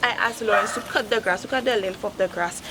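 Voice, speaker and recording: A woman's voice: medium pitch, quick pace, close to an everyday voice. Woman playing a fed-up Saint Lucian wife, noisy yard. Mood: exasperated. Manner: emphatic, repetitive complaining. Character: exasperated nagging wife, fed up with lazy husband. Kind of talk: improvised parody news interview. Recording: very noisy outdoor yard, birds.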